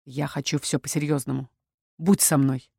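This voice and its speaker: A woman's voice: deep voice, steady tone, normal speed, gravelly, breathy edge, no echo, heavily acted. Woman voicing possessive young dragon-shifter man, insistent near-whisper, storybook read, dead-dry booth. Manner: hushed, insistent, heated whisper. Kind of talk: audiobook character voice.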